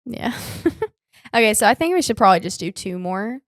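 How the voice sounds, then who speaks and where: A woman's voice: mid-range voice, animated, fairly quick, no room sound, clean studio sound. A young woman co-hosting a casual podcast, chatting and reading listener questions, with frequent laughs and fillers. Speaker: podcast co-host.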